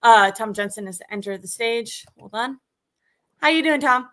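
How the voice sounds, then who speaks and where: A chatty woman hosting a live-streamed sports talk show, her voice bright and forward, pitched a little high. She talks loosely, with plenty of ums and likes as she reads off stats. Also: moderate pace. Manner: chatty, many fillers, reads stats aloud. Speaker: sports podcast host.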